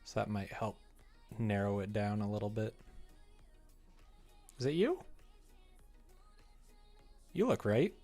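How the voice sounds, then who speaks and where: A young adult game developer chats casually on a livestream while he works, in a dark-toned, lowish voice that is very animated yet slow, with frequent pauses. Self-deprecating, he mutters to himself and sometimes reads comments aloud, with faint music behind him.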